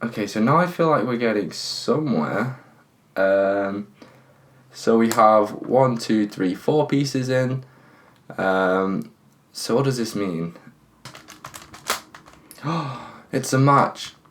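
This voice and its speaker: A man's voice: medium pitch, expressive, slow pace, long pauses, a little hiss or hum. A man hosting his own puzzle channel, thinking aloud and pleading with a stiff puzzle as he solves it. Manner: talks to the puzzle, pleading and exasperated; thinks aloud, counting pieces. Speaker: puzzle solving channel host. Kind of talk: casual talk while solving a puzzle.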